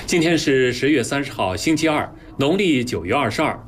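A man's voice: mid-range voice, lively intonation, brisk, a little hiss or hum. Formal male news anchor, standard mainland Mandarin.

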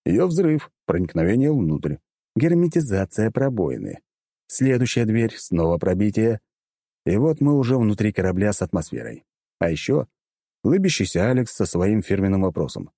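Low, dark-voiced male audiobook narrator. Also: big pitch swings, normal speed, no room sound, studio quality. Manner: wry, casual, with crude slang. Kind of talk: first-person audiobook narration.

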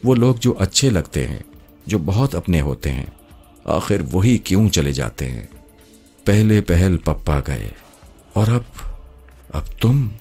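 A man's voice: low voice, very animated, pauses often, mellow, breathy edge, faint music behind, heavily acted. A male narrator voicing a young, wealthy, affectionate woman who pleads emotionally in a storybook reading. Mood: wistful.

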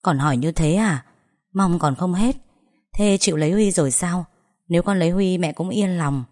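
Woman reading as a caring middle-aged mom, gentle, advising, lowish voice. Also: normal speed, lightly acted.

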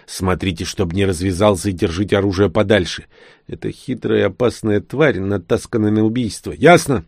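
A man's voice: fairly low pitch, a little fast, creaky, a little mellow, husky, no room sound, clean studio sound. A man reading an audiobook, voicing a fierce young woman fighter who hisses scornful, harsh lines. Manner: hissing, scornful.

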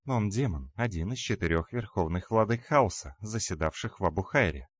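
A man's voice: lowish voice, animated, moderate pace, no room sound, studio quality. Man reading a grave fantasy heroine. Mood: solemn. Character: grave young woman warrior, knowing.

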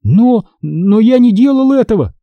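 A man voicing a frightened twelve-year-old boy in an audiobook, pleading and shouting. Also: sits high, sing-song, moderate pace, no room sound, lo-fi sound, pitched above the performer's own voice. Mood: desperate.

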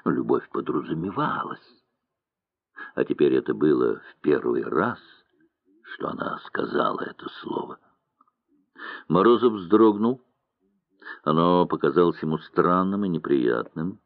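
A man narrating a novel as an audiobook in a measured, expressive reading, in a dry, tinny recording. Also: extremely low pitch, creaky, no room sound. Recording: dry, tinny narrow-band sound.

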